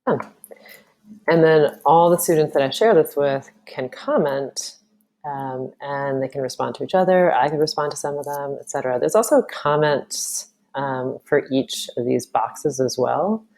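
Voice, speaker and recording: A woman teacher walking through a software tutorial, talking casually and thinking aloud with frequent ums. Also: low-pitched, unhurried. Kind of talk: screen-recorded software tutorial.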